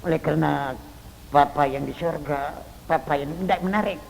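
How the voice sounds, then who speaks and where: An older man preaching a Quran exegesis sermon, emphatic, swinging from loud stresses to hushed demonstrations. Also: fairly high pitch, moderate pace, vocal fry, big-room sound, a little hiss or hum, poor audio. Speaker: Islamic preacher.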